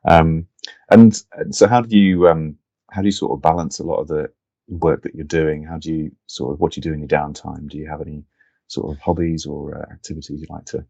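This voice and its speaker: Very deep-voiced male podcast host. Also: fairly even intonation, brisk, creaky, mellow, breathy edge, dry recording, highs cut off. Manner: friendly, loose phrasing with fillers. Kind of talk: casual interview questions.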